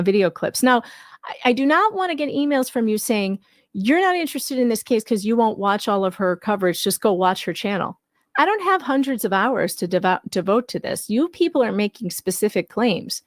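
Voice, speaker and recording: In studio-quality audio with no echo, a woman with a mid-range voice hosts a casual live commentary stream about a legal case. As a livestream commentator and video host, she reads claims aloud and rebuts them, staying argumentative and skeptical and repeating points to drive them home.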